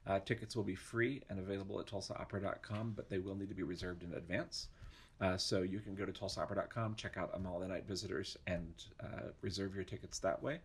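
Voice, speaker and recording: A man's voice: low-pitched, fairly even intonation, quick pace, slightly rough. A man, an opera education director, chatting enthusiastically in a casual podcast interview, with many fillers and restarts.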